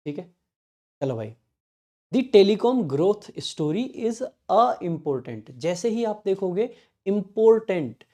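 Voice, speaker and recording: A man with a mellow, relaxed tone runs an online exam-prep grammar lesson. He reads each example sentence slowly and clearly, then turns to his students with quick questions to check they follow. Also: sits high. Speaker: English teacher for exam prep.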